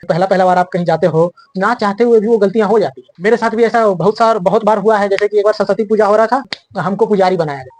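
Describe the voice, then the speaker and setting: Fast-talking coaching teacher. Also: male voice, high voice. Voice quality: chatty, checks in often with "theek na?". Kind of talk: casual instructive talk to students.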